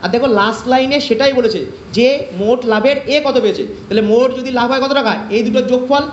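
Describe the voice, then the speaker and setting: A man's voice: very high-pitched, fast talker, a little hiss or hum. A man teaching an online math class, asking and answering his own questions step by step. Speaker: math tutor. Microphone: online class call. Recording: echoey, dull lo-fi online class audio.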